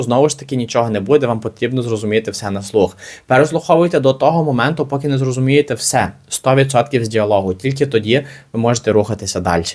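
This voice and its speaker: A man of average pitch giving a language lesson. He explains each phrase patiently and says it again slowly so that learners can follow. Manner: slow, careful, repeats phrases for learners. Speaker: English teacher.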